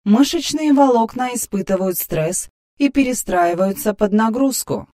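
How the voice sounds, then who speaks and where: A man's voice: sits high, animated, a little slow, a little mellow, pitched above the performer's own voice. A man voicing a sarcastic female AI who lives in a man's head, speaking in a raised, cool voice in an audiobook. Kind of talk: audiobook character voice.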